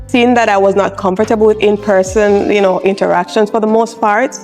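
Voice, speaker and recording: A woman, a charge nurse speaking in a personal interview in a soft-spoken, reflective, encouraging way. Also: mid-range voice. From Jamaica. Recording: soft music underneath.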